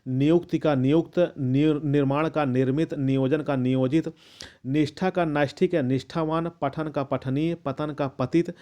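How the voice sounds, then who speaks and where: A man reading out a long list of word pairs as a lesson, measured and methodical, with the odd restart. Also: a little high, fairly even intonation, mellow. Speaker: teacher reading a Hindi vocabulary list. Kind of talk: slow recitation of word pairs.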